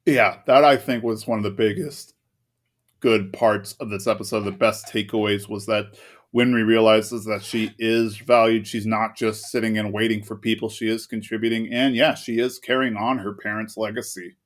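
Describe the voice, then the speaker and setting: A man's voice: lowish voice, level tone, normal speed. A man co-hosting a podcast, talking casually about an anime episode in an easygoing, hedging way. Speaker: podcast co-host.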